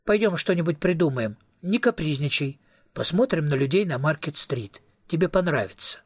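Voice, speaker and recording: A husky-voiced man voicing an eager, bossy young female vampire in an audiobook reading. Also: fairly high pitch, lively intonation, normal speed, no echo, clean studio sound. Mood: scolding. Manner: coaxing, teasing.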